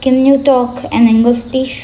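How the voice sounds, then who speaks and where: A woman playing a slow, polite foreign girl. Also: on the high side, level tone, dark tone, slight background noise. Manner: slow, careful, overly polite.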